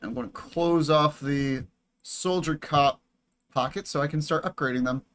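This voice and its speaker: Excitable young man commentating a strategy game. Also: a little high, normal speed. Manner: excitable, swears, talks to viewers and chat. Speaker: gaming YouTuber. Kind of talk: casual gameplay commentary.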